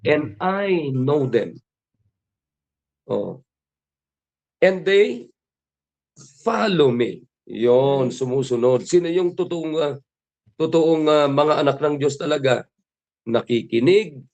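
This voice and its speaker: A man's voice: mid-range voice, creaky, darkish tone. A man with a Filipino accent preaching a morning devotion sermon, who asks his listeners question after question and quotes scripture in English. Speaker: pastor.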